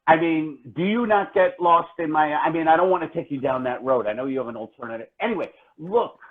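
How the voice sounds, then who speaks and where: A middle-aged man hosting a casual live-stream, talking in a dry, deadpan, mock-gloomy, rambling way. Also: a little high, fairly quick, phone-quality sound.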